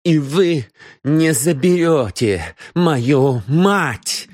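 A man's voice: on the high side, expressive, drawn-out words, dry recording, clean studio sound, voice pushed up, heavily acted. Man doing a fierce proud young woman. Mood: defiant. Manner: sharp, defiant.

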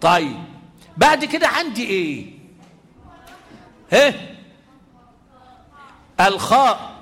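Egyptian male Quran teacher with a high voice, middle-aged, brisk classroom quizzing mixed with slow chanted verses. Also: sing-song, a bit bright. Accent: Egyptian Arabic. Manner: quizzing students, chanting Quran examples slowly. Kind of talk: lively tajweed lesson with students.

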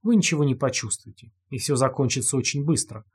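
Man doing a cold, husky young killer. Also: mid-range voice, fast. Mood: cold menace. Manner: cold, detached, mocking. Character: calm vengeful young male killer. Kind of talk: audiobook character voice.

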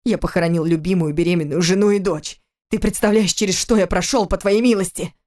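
A woman reading an audiobook, voicing a brooding estranged husband who talks in a low, growling, resentful way. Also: steady tone, brisk, a little mellow, lightly acted.

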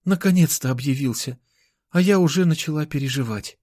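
A man voicing a gentle young woman who speaks softly and tenderly, in an audiobook. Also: a little high, a little fast, dry recording, studio quality, pitched above the performer's own voice, natural voice. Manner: soft, tender.

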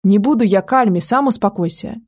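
A woman's voice: mid-range voice, brisk, darkish tone, close to an everyday voice. A woman reading an audiobook, voicing a fierce, protective older woman who squeals and scolds. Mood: furious.

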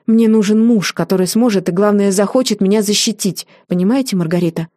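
A woman's voice: medium pitch, fairly quick, warm tone, dry recording, clean studio sound, close to an everyday voice. A woman voicing a proud young woman who speaks earnestly and bites back sharply in a storybook reading. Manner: biting, earnest.

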